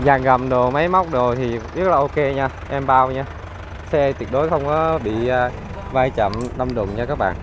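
With a mid-range voice at normal speed, a man with a Southern Vietnamese accent shows off a used car in a relaxed, cheerful sales patter. Engine noise and background clatter come from the idling car nearby.

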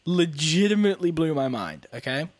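A man's voice: on the high side, big pitch swings, moderate pace, no echo. Chatty man hosting a podcast. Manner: chatty, laughs often, trails off with fillers. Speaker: podcast co-host. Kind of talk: casual chat.

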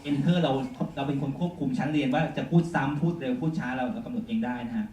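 A male teacher giving a chatty software demonstration lesson, full of polite particles. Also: mid-range voice, quick pace. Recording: echoey room, mic far off, faint noise.

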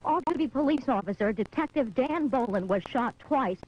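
A woman's voice: high-pitched, expressive, normal speed, dull audio. A woman narrating a scripted TV news report, heard on warbly old tape. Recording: warbly warped 1980s tape, clear noise.

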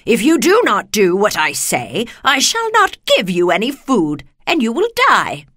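A woman narrator acts out a wicked witch from a children's storybook. She is cruel and bossy, giving menacing commands in a raised, forceful voice. The sound is dry. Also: a little high, wildly swooping pitch, a little slow, no echo, pitched above the performer's own voice, full character voice. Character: wicked witch, cruel, domineering, shrieking when beaten.

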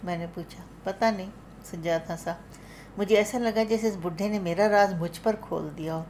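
Woman, Pakistani Urdu accent, low pitch, dramatic audiobook storytelling, faint background hum. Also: moderate pace, darkish tone. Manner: dramatic, voices the characters' cries with rising force. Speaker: audiobook narrator. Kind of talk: literary storytelling narration.

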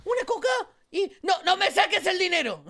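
Woman, Rioplatense Spanish accent, Let's Play commentary, playful, exclamatory, bouncy lively pitch. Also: normal speed. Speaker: gaming channel host.

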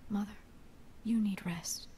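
A woman's voice: mid-range voice, steady tone, slow, a crowd in the background, natural voice. An actress playing an earnest, caring young woman, the matriarch's daughter, in a video game. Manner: earnest and resolute. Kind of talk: game voice acting.

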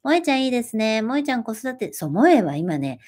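A woman's voice: on the high side, fast talker. A woman in her forties talks casually to her livestream audience. She reads out viewer comments and answers them in a friendly way, sometimes poking fun at herself. Her voice moves up and down a lot as she talks. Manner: animated, friendly, self-deprecating. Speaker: livestream host.

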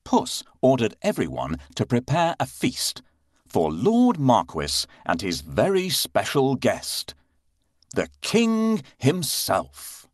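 A man narrating a bedtime story for children, slow and expressive, with playful sound effects. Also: medium pitch, dry recording, studio quality.

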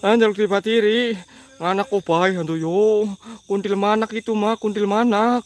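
A man's voice: sits high, steady tone, moderate pace. Jittery man with a Banyumasan Javanese accent. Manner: jittery, joking, frequent gasped exclamations and prayers. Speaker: YouTuber live-streaming a ghost hunt. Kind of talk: live ghost-hunt vlog chatter. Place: outdoors in an old graveyard at night.

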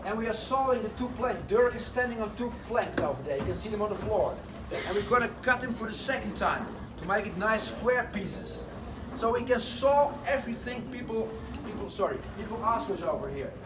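Inside a large wooden sawmill, a high-pitched male windmill guide tells his tour group a lively story. His English phrasing is slightly broken. His voice sounds distant against a noisy background.

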